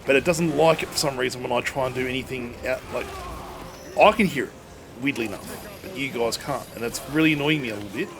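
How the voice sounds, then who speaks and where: A man's voice: mid-range voice, quick pace, noisy background. A man chatting casually on a game livestream, rambling in a mildly exasperated way. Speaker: game streamer.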